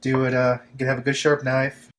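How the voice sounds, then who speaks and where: A man's voice: medium pitch, monotone, fairly quick, heavy background noise. A man hosting a casual cooking demonstration, giving laid-back, chatty instructions with joking asides. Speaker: cooking show host. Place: kitchen, at the stove and counter.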